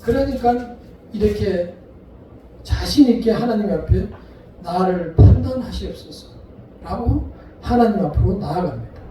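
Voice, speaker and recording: A man preaching a sermon as a pastor, earnest and deliberate, leaning on repeated emphasis. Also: high voice, lively intonation, dark tone, slight background noise. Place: church sanctuary. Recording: echoey room, voice picked up from a distance.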